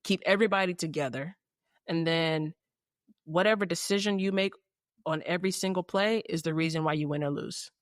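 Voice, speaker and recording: A woman's voice: fairly low pitch, brisk, no room sound, clean studio sound. A woman hosting a podcast in casual chat, with lots of restarts and football talk. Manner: rambling, many restarts and "you know what I'm saying". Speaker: podcast host and player.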